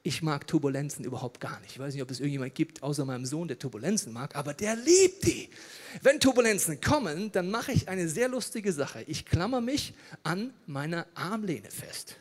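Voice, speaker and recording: Middle-aged male pastor, lively sermon delivery, slightly high voice, long hall reverb. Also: brisk. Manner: lively, swings from loud to hushed, talks to listener directly.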